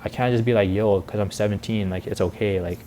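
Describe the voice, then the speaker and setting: Talking fast in a lowish, dark-toned voice with fairly even intonation, this eighteen-year-old man delivers a slangy, confessional vlog monologue. As a vlogger and content creator, he rambles heavily, filling his speech with "like," "bro," and other fillers. A little hiss or hum sits under the audio.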